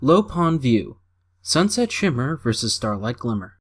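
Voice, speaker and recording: A man hosting a video review compilation, announcing each entry in a lively, emphatic way. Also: mid-range voice, measured pace, husky. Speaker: host announcing entries. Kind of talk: announcing names.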